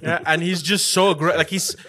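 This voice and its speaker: High-voiced young man telling a story. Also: fairly quick, crowd noise. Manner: laughing, animated storytelling with profanity. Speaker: podcast co-host. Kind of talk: casual chat.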